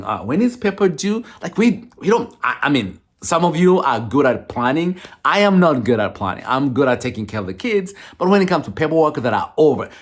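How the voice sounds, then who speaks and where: Man with very animated, swinging intonation. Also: medium pitch. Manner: emphatic, repeats phrases for stress. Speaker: foster parent vlogger. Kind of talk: personal update, candid talk to viewers.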